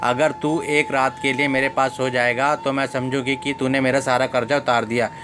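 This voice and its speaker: A male narrator voicing an aging, patient mother who speaks quietly and gently in his own flat, even voice. Faint music plays behind him. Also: medium pitch, normal speed, natural voice. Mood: gentle.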